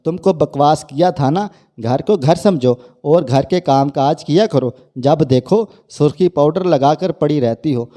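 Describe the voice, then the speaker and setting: A man's voice: fairly high pitch, close to an everyday voice. A man voicing a furious, domineering father-in-law in a spoken family story. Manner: shouting insults.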